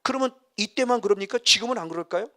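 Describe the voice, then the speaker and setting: A man's voice: high-pitched, fast, sharp tone. A middle-aged man preaching a sermon as a pastor, vividly acting out scenes and reading scripture aloud.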